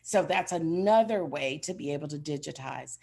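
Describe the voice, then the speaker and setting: A woman's voice: sits low, lively intonation, moderate pace, gravelly, mellow, husky. A woman giving a motivational business keynote with polished corporate enthusiasm, speaking emphatically and straight to her listeners. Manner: emphatic, addresses listeners directly.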